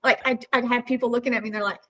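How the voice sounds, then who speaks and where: Higher-pitched Texas woman with a drawl. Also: steady tone, rapid-fire, bright, forceful tone, highs cut off. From Texas Panhandle, United States. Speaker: podcast guest, roofing company owner. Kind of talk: casual conversational storytelling.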